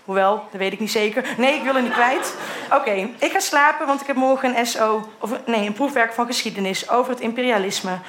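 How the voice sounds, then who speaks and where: A woman's voice: on the high side, fairly quick, noisy background. A middle-aged woman reading her old teenage diary entries aloud in a candid way, sometimes laughing at what she wrote. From Netherlands.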